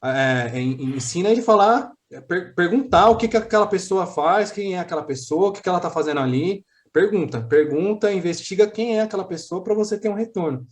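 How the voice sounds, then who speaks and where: A man's voice: high-pitched, lively intonation, fairly quick, hardly any pauses. A man from Brazil, a podcast guest, talking in an earnest, reflective way with frequent restarts and casual slang. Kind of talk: casual interview chat.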